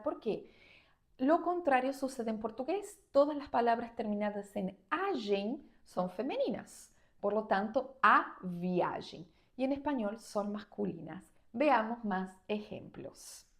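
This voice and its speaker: Higher-voiced woman teaching Spanish. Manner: clear, deliberate teaching with slow example words. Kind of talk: online Spanish lesson for Portuguese speakers.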